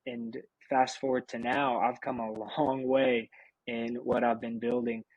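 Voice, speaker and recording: A man's voice: medium pitch, level tone, measured pace, darkish tone, breathy edge, dry recording, dull audio. A man hosting a podcast, talking in a reflective, earnest way before asking a question. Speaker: podcast host. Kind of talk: reflective interview talk.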